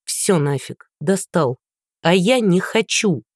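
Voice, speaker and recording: A woman's voice: on the low side, animated, slow pace, no room sound, clean studio sound. A woman voicing Ksyusha, scornful young woman. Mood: mocking. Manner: mocking, biting. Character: scornful young woman, sharp-tongued and defensive.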